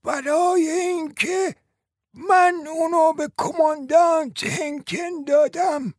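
A very old frail woman, high and slow. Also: steady tone, no room sound, studio quality. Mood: solemn. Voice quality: high strained and loud.

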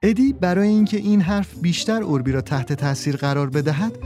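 Male audiobook narrator; high, animated, warm, dry close sound. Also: faint music behind. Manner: expressive storyteller voicing all characters.

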